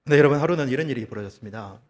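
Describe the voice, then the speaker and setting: A man preaching a sermon as pastor, telling a story with lively, acted-out quotes and rhetorical questions to the congregation. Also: mid-range voice, racing, long reverb tail. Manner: animated storytelling, acting out quoted voices. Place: church.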